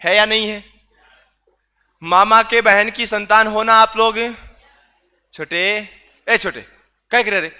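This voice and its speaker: A man's voice: sits high, steady tone, slow pace, pauses often, bright, forceful tone, clean tone. A man teaching a class, quizzing students with repeated questions and teasing asides. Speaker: reasoning teacher. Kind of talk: online class lecture.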